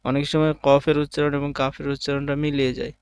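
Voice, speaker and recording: A male Quran teacher giving an online lesson, patiently teaching the sounds of the Arabic alphabet and calling out each letter loudly. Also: fairly high pitch, little pitch movement, quick pace, smooth, no room sound.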